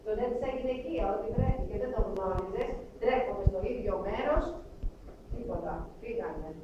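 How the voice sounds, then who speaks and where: A woman acting a grieving refugee mother in a theatrical monologue, speaking in halting, lamenting, clipped phrases. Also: mid-range voice, lively intonation, lo-fi sound, background noise, lightly acted. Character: grieving refugee mother recounting her family's persecution. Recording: echoey stage hall, mic far off.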